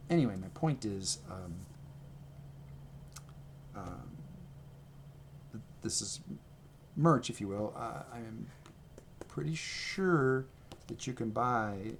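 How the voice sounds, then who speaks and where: Here a video creator chats to his camera at home in a rambling vlog, correcting himself as he shows things. He speaks with a lowish voice, animated but slow, pausing often, and the camera mic picks up a noisy background.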